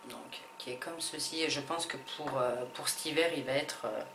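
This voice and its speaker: A woman's voice: extremely low pitch, moderate pace, noisy background. A woman hosting a casual beauty haul vlog, talking hesitantly with many fillers and restarts. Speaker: beauty vlogger. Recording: echoey room with faint ambience.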